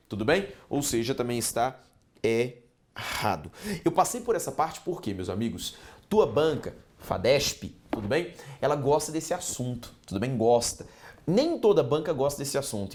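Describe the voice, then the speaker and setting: A male teacher from Brazil leads an exam-prep grammar review for online students. He talks animatedly and turns to the listener again and again to check they are following. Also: fairly high pitch. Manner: animated, addresses students directly with frequent check-ins. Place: online course studio.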